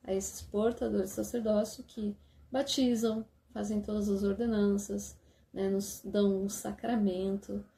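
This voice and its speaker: A woman gently explaining church lessons for parents to teach their children, often checking in with a soft "né?". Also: medium pitch, a little hiss or hum. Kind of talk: casual instructional talk.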